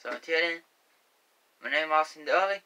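A man's voice: on the high side, fairly quick, sharp tone, clean tone, low-quality recording. A young man from Georgia with a Southern accent, singing his own song on acoustic guitar in a small bedroom, talking in a loose, rambling way. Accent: Southern American. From Georgia, USA. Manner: rambling, loose folksy delivery. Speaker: amateur singer-songwriter.

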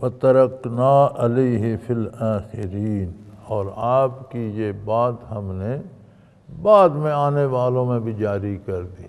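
A man in his eighties from Pakistan, a Sufi sheikh giving a sermon, reciting Quranic verses and swinging between loud emphasis and quiet narration. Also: medium pitch. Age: 80s. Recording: long reverb, hall.

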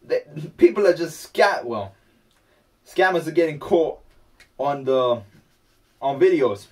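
A man's voice: fairly high pitch, expressive, slow, distant mic. A man vlogging casually while he paints, rambling and talking to himself.

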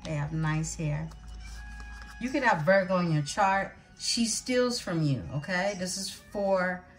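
A woman giving a tarot reading, calling out names and signs in an unhurried way and calling her viewers beautiful ones. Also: on the low side, expressive, soft background music. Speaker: tarot reader.

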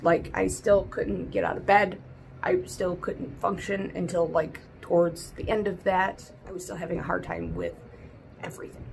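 An American woman in her twenties telling a personal story to camera in a halting, throat-clearing way, emotional as if she has been crying. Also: lowish voice, fairly even intonation, a little hiss or hum, low-quality recording. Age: 20s. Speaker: vlogger. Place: small room at home, indoors.

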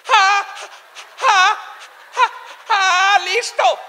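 A frantic stuttering boatman, as a Colombian comedian puts him on, his voice shooting far up into a squeaky, bright register as he hammers the same syllables over and over. It rings out in a live hall with a long reverb. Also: very slow, a little hiss or hum, heavily acted. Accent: Colombian Spanish. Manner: stutters, repeats syllables in squeaky high bursts. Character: frantic stuttering male boat owner.

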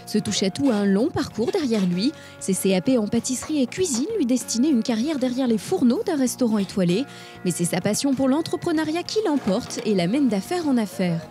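High-voiced woman narrating a company portrait. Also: animated, a little fast, mellow, soft background music. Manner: smooth, polished voice-over delivery. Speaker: narrator and interviewer. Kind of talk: scripted narration.

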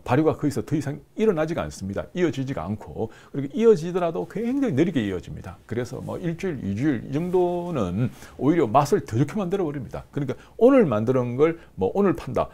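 A man's voice: mid-range voice, big pitch swings, fast, few pauses, dark tone. A man in his fifties giving a lecture to camera in a small studio on a lapel mic, explaining with many fillers and hand gestures. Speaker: business course instructor. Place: small indoor studio with screen backdrop.

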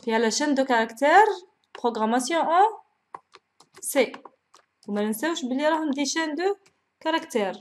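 A woman's voice: high voice, lively intonation, quick pace, pauses often, a little hiss or hum. A woman lecturer with an Algerian Arabic accent, walking through a programming procedure, mixing in French terms and asking and answering her own questions.

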